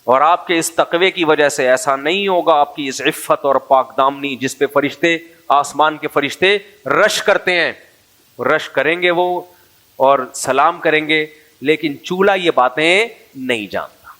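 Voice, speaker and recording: A man's voice: fairly high pitch, pushed and bright. A man from Pakistan, giving a casual sermon full of jokes, stories and asides to the audience. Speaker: Islamic preacher.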